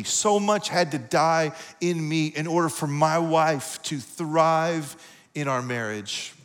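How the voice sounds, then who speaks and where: A man in his thirties delivers a sermon in a church auditorium, talking to the congregation like he is chatting with friends. His voice sits at an ordinary middle pitch, and a long reverb trails off the walls of the large hall. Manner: conversational, confessional storytelling with audience asides. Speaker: pastor.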